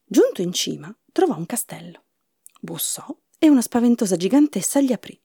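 Expressive woman reading a fairy tale. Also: medium pitch, moderate pace, gravelly, breathy edge, no room sound, studio quality. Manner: expressive storybook narration. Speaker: storyteller.

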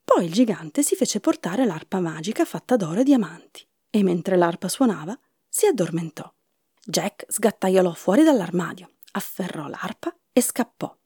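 A woman reading a fairy tale aloud as a storyteller, in expressive storybook narration. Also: fairly low pitch, moderate pace, slightly rough, no room sound, clean studio sound.

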